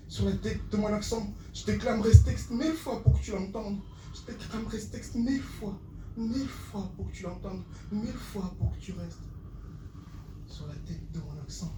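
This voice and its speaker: A man performing slam poetry on a small theatre stage before a live audience, declaiming in rhythmic lines with half-sung refrains and then chatting with the crowd. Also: high voice. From Comoros. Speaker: slam poet. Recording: roomy, distant, noisy live room.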